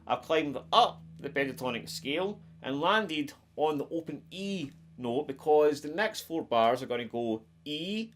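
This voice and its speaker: A man's voice: a little high, expressive, measured pace, hardly any pauses, fairly bright tone. Scottish man teaching guitar. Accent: broad Scottish. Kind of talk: casual instructional talk to camera. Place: small attic home music room, indoors. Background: electric guitar playing.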